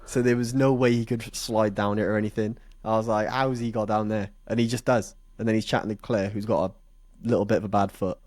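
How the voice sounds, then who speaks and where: A man in a casual movie review chat, telling things in an animated, mocking way. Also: lowish voice, brisk, no echo. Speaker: podcast co-host.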